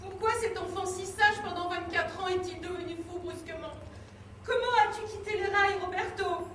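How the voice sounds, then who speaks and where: A woman's voice: very high-pitched, fairly even intonation, normal speed, a bit bright. A woman playing a bitter frightened mother. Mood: mournful. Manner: scornful outbursts and frightened pleading. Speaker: amateur stage actress. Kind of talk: live stage play. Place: theatre stage. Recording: echoey room from far off, faint noise.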